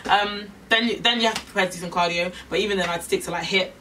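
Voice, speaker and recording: A woman's voice: medium pitch, steady tone, quick pace, bright, forceful tone, far from the mic, slight background noise. A young woman chatting casually about fitness, playful and teasing, swearing freely. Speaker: co-host. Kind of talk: casual chat.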